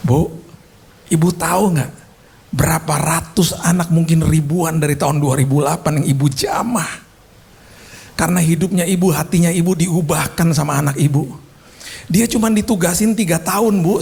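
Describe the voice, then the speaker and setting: A man's voice: a little high, gravelly, a little mellow, breathy edge. A male pastor preaching a sermon, telling stories emphatically and slipping into casual slang.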